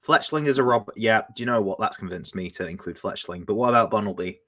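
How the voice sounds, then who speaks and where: A man's voice: lowish voice, fast talker, fairly bright tone. A man hosting a casual live stream, chatting and often restarting his sentences. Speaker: streamer host.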